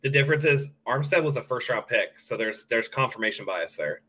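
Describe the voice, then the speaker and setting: A man's voice: medium pitch, animated, a little fast, pushed and bright, slightly rough. A man co-hosting a sports podcast, talking through player contracts in a casual, analytical way and repeating phrases as he builds his point. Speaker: podcast co-host.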